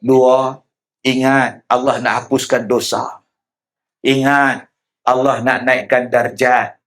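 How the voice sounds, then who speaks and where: A male preacher, delivering a lively sermon that mixes humor with direct address to the audience. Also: medium pitch, takes it slowly. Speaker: religious preacher. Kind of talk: public sermon.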